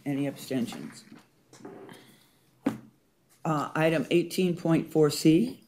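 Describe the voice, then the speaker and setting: A male board president reads agenda items and calls motions and votes while chairing a formal meeting. His voice is on the high side with a darkish tone, and the recording is poor, with a little hiss or hum.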